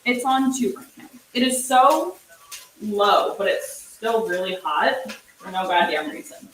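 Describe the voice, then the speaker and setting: A woman's voice: mid-range voice, animated, a little slow, fairly bright tone, roomy sound, a little hiss or hum, rough recording. A young woman with a Canadian accent, chatting casually and rambling with lots of fillers and casual swearing while she cooks in her kitchen. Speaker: cooking vlogger. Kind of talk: casual chat while cooking. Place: home kitchen.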